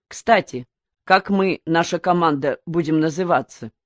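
A woman's voice: sits low, a little slow, dry recording, studio quality. A woman voicing a bossy teenage boy who leads his friends, speaking firmly. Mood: commanding. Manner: firm, commanding.

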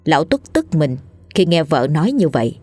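A woman, narrating a scripted ghost story in a steady reading voice. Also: deep voice, moderate pace, dry recording, faint music behind.

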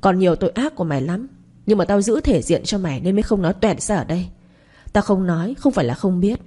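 A woman's voice: mid-range voice, animated, fast talker, mellow, breathy edge. A woman voicing a stern, wealthy old man who is head of the household, speaking harshly and with contempt. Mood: contemptuous.

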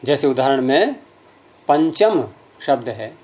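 Man patiently explaining grammar, mellow tone. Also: medium pitch, big pitch swings, slow. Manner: patient, step-by-step explaining, repeats key terms. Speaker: Sanskrit grammar teacher. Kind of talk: explaining grammar rules with examples.

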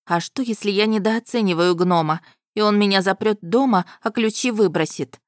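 A woman telling a story in the first person, in a lively and wry manner. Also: medium pitch, normal speed, no echo, clean studio sound. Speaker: narrator.

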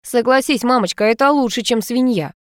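A woman's voice: on the high side, brisk, dry recording, clean studio sound, pitched above the performer's own voice, close to an everyday voice. A woman voicing a brash, sarcastic young man who makes demands and mocks people, read as part of an audiobook. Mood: mocking.

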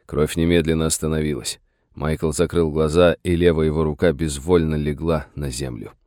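A man narrating an adventure novel in a measured storytelling manner. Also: rumbling low, steady tone, darkish tone, no room sound, studio quality. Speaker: audiobook narrator. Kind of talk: scripted narration.

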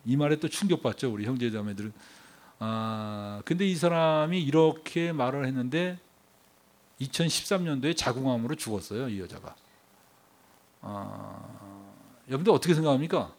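A male pastor preaching a sermon, firing rhetorical questions at the congregation and swinging between hushed and raised delivery. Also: mid-range voice, normal speed.

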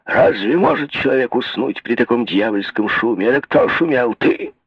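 A tyrannical middle-aged father bellows in fury, close to the reader's own husky male voice, as the narrator puts him on. Dry and dull, the recording has a lo-fi edge. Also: medium pitch, lively intonation, moderate pace, no echo. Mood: furious. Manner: angry, bellowing. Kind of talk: audiobook reading.

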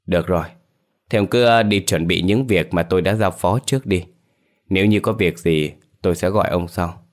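A man's voice: sits low, moderate pace, natural voice. A man doing a stern lady of the house. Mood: commanding. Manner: sharp and scolding toward servants. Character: stern middle-aged mistress of a rich household, woman.

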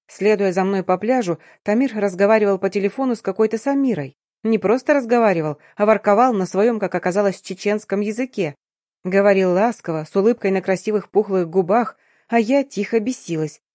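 A woman narrating a first-person romance audiobook in a lively, expressive way. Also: mid-range voice, no room sound, clean studio sound.

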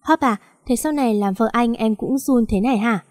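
A woman's voice: on the high side, moderate pace, darkish tone, no echo, clean studio sound, close to an everyday voice. A woman voicing a young man, a heartbroken lover who pleads and cries out in anguish, read in a storytelling voice. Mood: tender.

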